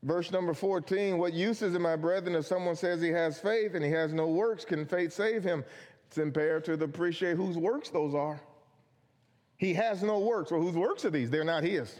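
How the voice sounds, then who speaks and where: A man's voice: a little high, moderate pace, a little mellow. A man preaching a Bible study sermon, earnest and emphatic, asking questions and answering them himself. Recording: long hall reverb.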